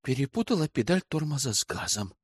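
A man voicing a calm, measured young woman driver in a storybook reading. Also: on the high side, no echo, clean studio sound. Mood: flustered.

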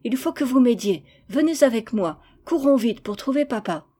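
A spoiled, willful little girl pleads and demands in a raised, whiny voice. Her tone stays soft and mellow despite the insistence, as a woman reader puts her on. The reading is an audiobook. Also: on the high side, animated, normal speed. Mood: pleading.

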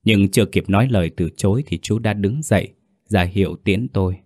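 Low-voiced male storyteller, dry and close. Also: brisk, dry recording. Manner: steady, earnest first-person telling. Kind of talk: scripted ghost story narration.

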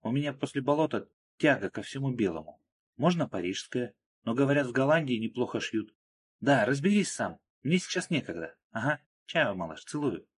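A man reading aloud, voicing a young woman in a raised, breathy voice. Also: medium pitch, sing-song, moderate pace, voice pushed up. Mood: teasing. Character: young woman, playful then frightened.

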